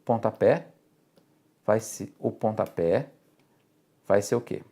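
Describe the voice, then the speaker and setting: A Brazilian man teaches logic for exam prep in a low, dark voice. He walks through each step and keeps checking that his students follow. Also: takes it slowly, slightly rough. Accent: Brazilian Portuguese. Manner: explains step by step, often checks in with "ok?" and "tá?".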